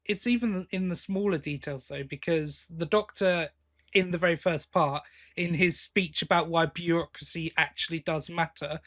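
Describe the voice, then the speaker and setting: This podcast co-host is a man whose voice sits a little high, with fairly even intonation and a fairly bright tone at a moderate pace. In a casual chat reviewing audio drama, he shares his views eagerly and frequently starts over mid-sentence.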